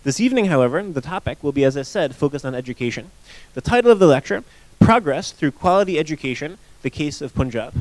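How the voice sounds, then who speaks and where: A man hosting an event, giving a formal introduction of a guest speaker in a brisk, polished way. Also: a little high, expressive, no echo. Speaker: event host.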